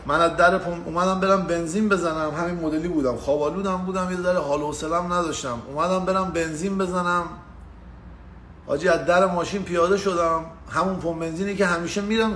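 A man's voice: fairly high pitch, a bit bright. Slangy man telling a story. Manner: slangy, swearing, greets viewers by name. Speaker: live streamer. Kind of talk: casual storytelling on a live stream. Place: indoors in the US. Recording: echoey room with faint ambient noise.

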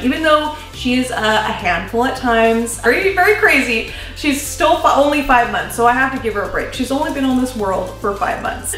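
A woman's voice: fairly high pitch, bright, forceful tone. A young woman in her twenties answering fan questions at home in a bubbly, giggly way, full of "like" and "um". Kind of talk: casual Q&A vlog. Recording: roomy echo from away from the mic, faint music.

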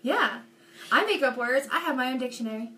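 A woman co-hosting a casual live stream, playful with quick short replies. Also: high voice, animated, sharp tone, recorded from a distance. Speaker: co-host of a live makeup stream.

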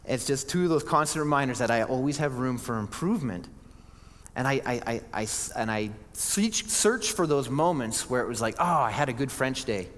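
This male pastor's voice is medium in pitch, expressive and fairly bright, with a moderate pace. He preaches earnestly and conversationally in a church sanctuary, often restarting sentences, and the recording carries church hall reverb.

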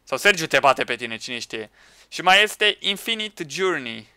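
A man commenting on a Minecraft match with friends, excitable, shouting at teammates and laughing. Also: on the high side, clear, resonant tone, no echo. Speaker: gaming YouTuber.

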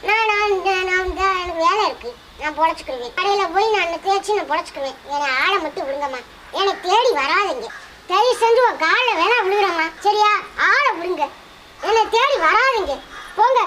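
A woman's voice: very high voice, animated, fairly quick, bright, forceful tone, a little hiss or hum, heavily acted. A woman acting a grown daughter thrown out of her home in an amateur family skit, accusing and demanding answers, recorded outdoors. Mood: pleading. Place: outdoors by a house.

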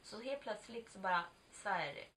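A woman vlogger in her twenties, her medium-pitched voice expressive and a bit bright, shares a personal story in casual confessional fashion. She is chatty and frank, swearing now and then and performing snippets of dialogue. A distant mic captures faint background noise.

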